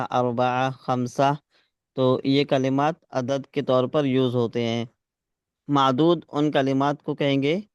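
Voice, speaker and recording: Slow, clear-voiced male Arabic teacher. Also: medium pitch, darkish tone, no room sound, dull audio. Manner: slow, repeats key words for students. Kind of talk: classroom lesson, explaining grammar.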